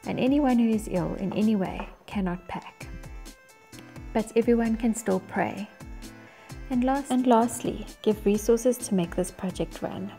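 Mellow South African woman reading church notices. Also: medium pitch. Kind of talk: scripted announcements.

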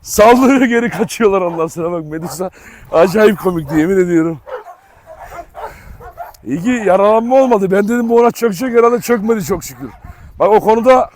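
A man's voice: high voice, a little fast, darkish tone, slight background noise. A man, a dog breeder hosting a vlog, chatting casually to his viewers and calling to his dogs in an outdoor kennel yard. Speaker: dog breeder and channel host.

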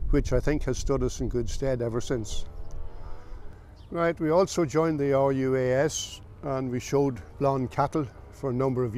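A man's voice: mid-range voice, darkish tone. Older farmer telling his story. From south of Ireland, County Meath. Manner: plain, unhurried storytelling with filler pauses. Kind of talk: oral history recollection.

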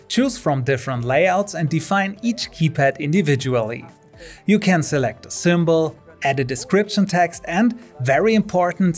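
A man narrating a scripted product demonstration in a clear instructional tone. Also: fairly high pitch.

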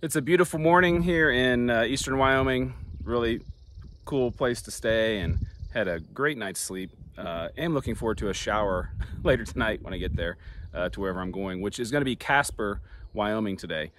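A man's voice: on the low side, moderate pace, a bit bright, a little hiss or hum. Easygoing man vlogging on a road trip. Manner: easygoing, thinking aloud with fillers and restarts. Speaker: travel vlogger. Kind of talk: casual travel vlog. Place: in a car, then outdoors on open prairie. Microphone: handheld camera at arm's length.

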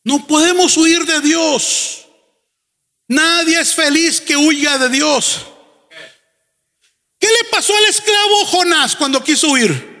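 Fervent high-voiced preacher in echoey hall. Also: male voice, slow, long pauses. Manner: fervent, shouting at peaks, rhetorical questions. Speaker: pastor. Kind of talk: sermon.

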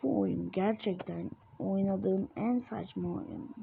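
A woman giving excitable gameplay commentary, full of exasperated outbursts at the game. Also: mid-range voice, slow pace, gravelly. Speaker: gamer. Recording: tinny lo-fi mic with noise.

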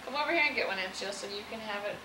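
Heard on old camcorder audio from a family home video, a mother with her children coaxes her toddler and questions them playfully. She speaks in a mid-range voice at a racing pace, with reverb and background noise.

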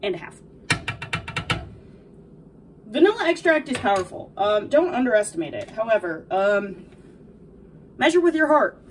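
A young woman plays a sweet, cheerful video game princess in an in-character cooking tutorial, explaining baking in a dainty, gentle, encouraging way. Her voice is a little high and very animated, at normal speed with frequent pauses. She's in a small home kitchen, recorded by a camera a few feet away, so the mic sounds distant and there's noticeable background noise.

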